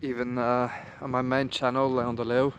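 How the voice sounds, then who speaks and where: A young man vlogging while walking outdoors through a small town, musing aloud in a relaxed, casual way. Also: medium pitch, normal speed, slight background noise. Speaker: travel vlogger. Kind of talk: casual walking vlog narration.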